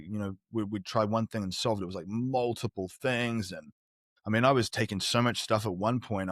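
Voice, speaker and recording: His fairly low voice comes through a dry, studio-quality recording. He's a middle-aged New Zealander and performance strategist, the guest on a candid podcast interview, sharing his life story in an earnest, reflective manner.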